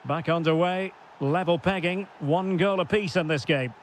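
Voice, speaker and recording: A man's voice: on the high side, moderate pace, a little hiss or hum. A man calling a football match as play-by-play commentator, reading out player names and rising sharply on goals and chances. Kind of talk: video game match commentary.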